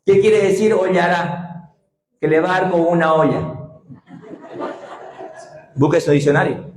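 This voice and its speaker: A man with a high-pitched voice preaches to his congregation, leading them in repeated call-and-response lines and pushing into shouts for emphasis. The sound rings around an echoey church room. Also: measured pace, a crowd in the background. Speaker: pastor. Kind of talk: sermon. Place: church sanctuary.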